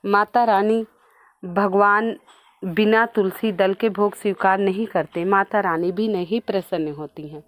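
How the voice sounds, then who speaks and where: A woman voicing an elderly devout mother in a spoken folk tale who scolds and then gently forgives. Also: mid-range voice, lightly acted.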